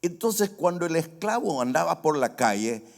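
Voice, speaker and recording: A man's voice: a little high, very animated, normal speed, creaky. A man with a Salvadoran accent preaching a sermon, telling stories and explaining terms step by step. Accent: Salvadoran Spanish. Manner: storytelling, acts out quoted voices, explains word by word. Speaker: pastor. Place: church sanctuary. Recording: long hall reverb.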